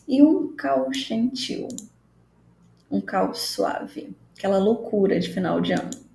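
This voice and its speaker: A woman teaches an online lesson in a dark, gravelly voice, taking her time. She is patient and explanatory and goes back over key phrases. The room around her rings with echo. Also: mid-range voice. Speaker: English teacher. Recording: roomy echo, faint background noise.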